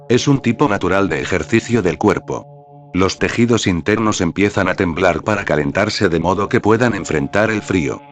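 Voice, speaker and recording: A man giving a scripted narration of a spiritual teaching in a calm, measured, instructive way. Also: low voice. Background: faint background music.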